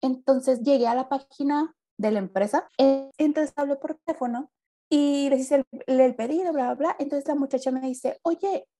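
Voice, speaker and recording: A young woman, a podcast guest telling a personal story in casual chat and acting out the dialogue with lively jumps in her voice. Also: moderate pace. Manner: animated, acts out quoted dialogue with big pitch jumps.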